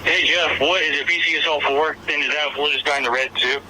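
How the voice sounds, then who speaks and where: A man's voice: on the high side, flat delivery, brisk. A man, a police officer, talking to colleagues over police radio. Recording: loud noise on police radio channel.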